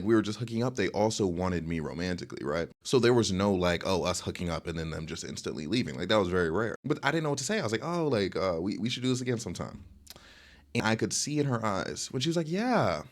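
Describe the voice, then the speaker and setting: Young dude yapping a storytime, kinda low voice but all over the place, keeps saying okay and like. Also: male voice. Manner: chatty, repeats "okay?" and "like" constantly. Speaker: storyteller vlogger. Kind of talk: casual storytime monologue.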